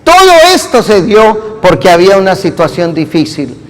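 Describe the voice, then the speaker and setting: High-voiced priest preaching in a hall. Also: male voice, moderate pace. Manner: lively, acts out lines with playful humor. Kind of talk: sermon. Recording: long hall reverb.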